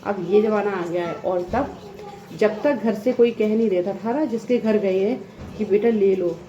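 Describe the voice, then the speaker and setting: A woman's voice: medium pitch, unhurried, dark tone, highs cut off. A woman in her thirties, a mother chatting casually while doing housework, rambling and laughing often. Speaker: vlogger and mother. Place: home bathroom. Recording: echoey room with faint ambience.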